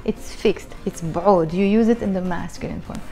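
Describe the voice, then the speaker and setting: A woman's voice: lowish voice, gravelly, warm tone. A woman in her thirties with a Levantine Arabic accent, a native Arabic speaker teaching a conversational language lesson in an explanatory, repetitive way. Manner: explanatory, breaks phrases down slowly with repetition. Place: small living room indoors, on a sofa.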